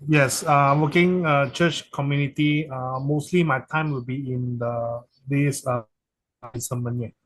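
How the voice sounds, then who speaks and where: A man from Malaysia, introducing himself to a class in halting speech with many pauses. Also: mid-range voice, fairly even intonation, rough recording. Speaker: class participant.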